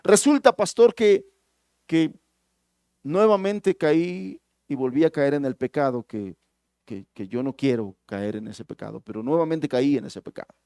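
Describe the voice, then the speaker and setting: A man's voice: on the high side, lively intonation, unhurried, mellow, smooth, no room sound, clean studio sound. A man voicing an agitated young married man who pleads that God has not helped him. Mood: upset pleading. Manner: agitated and pleading, then evasive.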